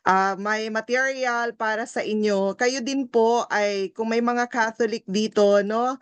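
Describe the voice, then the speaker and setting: A Filipino woman with a Filipino accent leads an online review class in an unhurried, encouraging way, switching between Filipino and English and checking in with quick tag questions. Her voice sits a little high, and the sound is dry and close. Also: steady tone, smooth, dry recording. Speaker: exam review coach.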